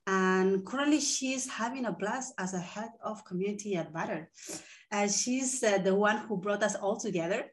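A woman's voice: mid-range voice, moderate pace. Friendly woman podcast co-host. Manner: friendly, reads introductions, some fillers. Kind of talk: conversational interview.

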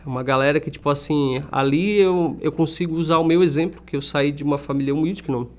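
A man's voice: on the high side, steady tone, fast. A young man, a music teacher and singer talking earnestly as an interview guest, often restarting his sentences. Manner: earnest, reflective, with frequent restarts.

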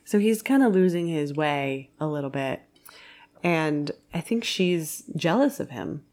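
Woman, casual chat, giggly storyteller, slightly low voice. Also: animated, unhurried, a little mellow. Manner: storytelling, giggly, quotes people in a raised voice. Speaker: film podcast co-host.

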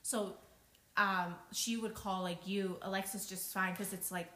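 A young woman co-hosting a casual podcast, animated and slipping into imitated voices as she tells stories. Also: mid-range voice, measured pace. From Thailand-connected, grew up in US. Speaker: podcast co-host. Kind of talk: casual chat. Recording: echoey room.

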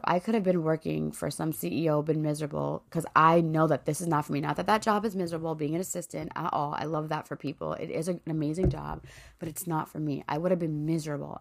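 Low, gravelly-voiced chatty woman podcaster. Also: darkish tone. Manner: heartfelt, chatty, rambling with "like" and "you know". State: voice cracking with emotion. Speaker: podcast host. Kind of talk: personal faith podcast monologue.

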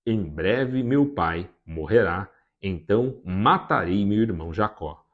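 A wronged elder son pleads with raised, insistent lines, his pitch lifting and swinging widely, as a man reading scripture voices him. The pace stays slow and deliberate. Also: lively intonation, phone-quality sound. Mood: pleading.

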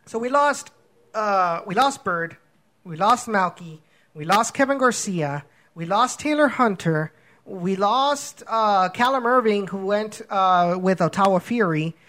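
A man's voice: sits high, lively intonation, unhurried, bright, forceful tone. A man co-hosting a soccer podcast in casual chat, rambling with many restarts and fillers. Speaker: podcast co-host.

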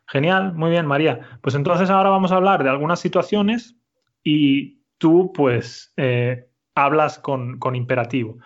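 Male language teacher, patient and clear, a bit high-pitched, muffled recording. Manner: patient, slow and clear, repeats answers. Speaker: Spanish teacher. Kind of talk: conversational language lesson.

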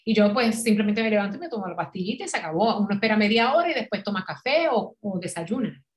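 A woman's voice: mid-range voice, animated, fast talker. A middle-aged woman with a Puerto Rican Spanish accent, a podcast guest telling her story in casual conversation, acting out quoted dialogue and laughing often.

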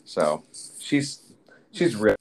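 Low-voiced man rambling on a podcast. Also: very animated, very slow, creaky. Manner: rambling, restarts, laughs often. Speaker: podcast co-host. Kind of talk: casual chat.

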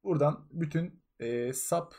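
A young man with a slightly higher voice co-hosts a relaxed chat show. He delivers his jokes in a mock-serious, announcer-like way, as if making a public warning. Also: unhurried. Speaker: podcast co-host. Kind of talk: casual chat.

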